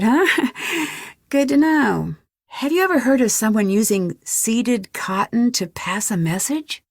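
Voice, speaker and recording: An actress voices a curious, level-headed young female detective in a video game, chatting earnestly and a bit wryly through one side of phone calls. Her voice is medium in pitch, and the recording is dry with clean studio sound.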